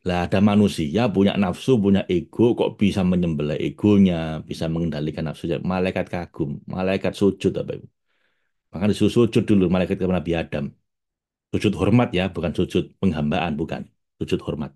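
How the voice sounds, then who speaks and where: A man's voice: sits low, quick pace, warm tone. A man, giving a casual spiritual talk as a religious teacher, chatty and addressing his audience directly with frequent laughs.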